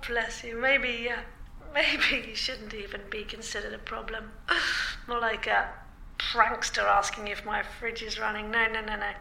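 A woman's voice: fairly high pitch, vocal fry, pushed and bright, reverberant, full character voice, rough recording. A woman playing a sly, menacing female corporate insider who teases and laughs as she toys with a caller. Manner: teasing, laughing, slow and toying. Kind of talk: radio drama acting.

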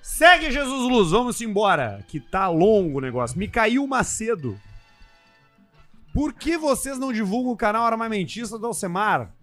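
A man with a high voice that swoops up and down. He hurries through listener messages on a comedy podcast and throws in crude jokes. Faint music sits behind him. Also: very animated, moderate pace, fairly bright tone. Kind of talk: casual comedic chat.

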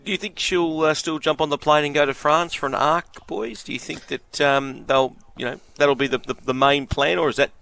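A man's voice: on the high side, fairly even intonation, normal speed, creaky, few pauses, a bit bright, smooth. An Australian man hosting a live radio talkback show in a casual presenting style.

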